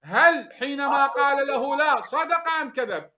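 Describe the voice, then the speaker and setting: A man's voice: extremely high pitch, lively intonation, moderate pace, pushed and bright. A man, interrupting and demanding answers. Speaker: debater. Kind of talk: heated religious debate.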